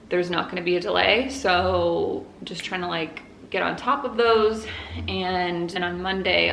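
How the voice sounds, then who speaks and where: Young woman vlogger, candid and rambling, some vocal fry, phone mic with faint background noise. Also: fairly low pitch, fairly bright tone. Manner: candid, rambling, self-reflective. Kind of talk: personal video diary. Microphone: phone camera.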